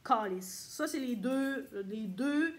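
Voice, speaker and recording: A woman's voice: high voice, lively intonation. Québécoise lady vlogging, casual explainer voice, stops and starts a lot. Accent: Québécois French. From Quebec. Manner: chatty, explains step by step with frequent pauses. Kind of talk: casual explanatory talk to camera.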